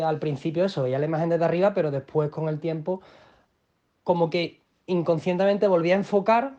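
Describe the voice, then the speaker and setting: Man guest, mellow, slightly high, halting account, lo-fi recording. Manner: hesitant, halting, with restarts. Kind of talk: personal storytelling.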